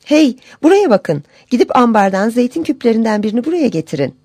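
A woman's voice: medium pitch, sing-song, fairly quick, mellow, no echo. A woman reading a story aloud and giving light voice to a careful, deferential ship captain. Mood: shouting orders.

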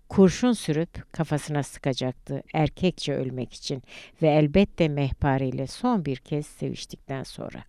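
A woman reading a literary novel aloud in a measured, deliberate audiobook narration. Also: deep voice, a little mellow, smooth, no room sound, clean studio sound.

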